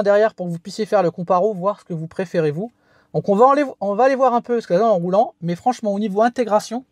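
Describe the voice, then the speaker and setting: A man's voice: high voice, a little mellow, no echo. A man hosting a casual product review vlog from inside his car, chatty and full of fillers. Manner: chatty, many fillers and "hein". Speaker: car video host.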